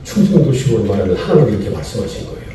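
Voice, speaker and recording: A middle-aged man from Chungcheong, Korea, delivers a sermon-style lecture to fellow pastors, repeating his key lines and asking rhetorical questions. His voice is deep and dark, with lively swings in pitch. The recording has heavy church-hall echo and picks him up from a distance. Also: rapid-fire, slight background noise. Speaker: guest pastor speaking at a pastors' seminar. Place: large church sanctuary. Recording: echoey church hall, mic from afar.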